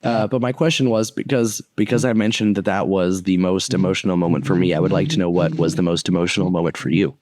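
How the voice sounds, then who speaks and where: A man's voice: deep voice, steady tone, fast talker, few pauses, a little mellow, no echo, clean studio sound. A young man co-hosting a casual movie review podcast, rambling with lots of fillers, swearing and laughing often. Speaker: podcast co-host.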